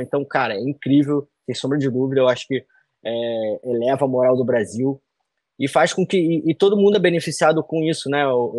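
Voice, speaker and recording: Over a video call from a small room, a man in his thirties, a fighter, gives an interview in loose talk full of fillers and tag questions. His voice sits a little high and sounds somewhat mellow, recorded dry.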